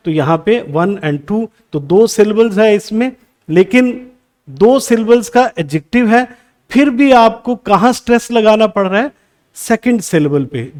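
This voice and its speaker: High-voiced man teaching a lecture. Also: darkish tone. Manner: asks the class questions, then answers them himself; mixes Hindi with English terms. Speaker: English teacher. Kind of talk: exam-prep lecture.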